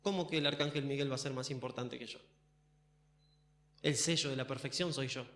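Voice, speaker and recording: A man's voice: very high voice, steady tone, moderate pace, sharp tone, pitched above the performer's own voice, heavily acted. A man voicing a proud, envious male fallen angel who boasts about himself, in a roomy church. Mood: indignant. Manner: boastful, self-pitying.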